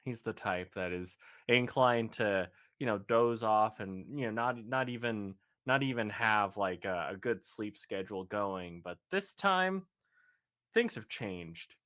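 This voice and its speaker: A man's voice: on the low side, expressive, unhurried, a bit bright. A man playing a tabletop role-play game, casually narrating his character's morning with rambling restarts. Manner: rambling, with many restarts and laughs.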